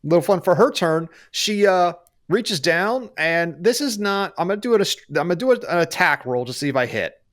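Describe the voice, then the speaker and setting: A man working as game master, improvising narration for a tabletop game in an animated, conversational way. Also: high-pitched, a little fast.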